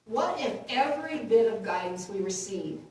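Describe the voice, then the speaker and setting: A woman minister giving a gentle, unhurried sermon, laughing lightly at her own jokes. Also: medium pitch, lively intonation, a little hiss or hum. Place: church sanctuary. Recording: roomy echo from far off.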